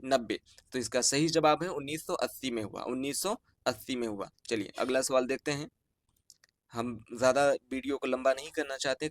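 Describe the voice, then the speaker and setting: A man with an Urdu-inflected accent from Bihar works through an exam answer key in an online lesson. He reads each question and its options at a measured pace, then says the answer twice. His voice sits in a middle pitch and sounds dry and close. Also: dry recording. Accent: Urdu-inflected Hindustani, Bihar. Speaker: teacher going over exam answers.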